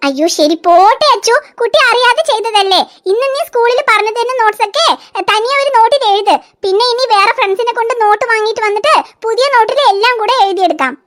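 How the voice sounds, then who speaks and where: A woman voicing a calm, gently scolding mother in a cartoon. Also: very high-pitched, fast talker. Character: soothing cartoon mother of three girls. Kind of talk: cartoon voice acting.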